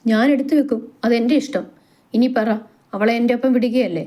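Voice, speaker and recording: A woman's voice: on the high side, fairly quick, mellow, close to an everyday voice. A woman voicing a mocking, scheming young man in a storybook tale, speaking in a taunting way. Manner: sneering, taunting.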